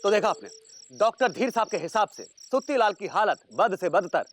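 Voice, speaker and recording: A hammy TV reporter. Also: male voice, high-pitched, expressive, moderate pace, very noisy. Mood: dramatic. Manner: dramatic news-anchor delivery. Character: hammy male TV news reporter. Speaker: news reporter. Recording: loud background music under dialogue.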